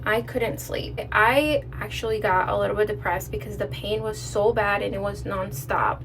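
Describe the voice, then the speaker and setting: Young woman telling a story, slightly distant mic. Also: medium pitch. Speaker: vlogger telling a personal story. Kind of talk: casual storytime chat. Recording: distant mic with faint background noise.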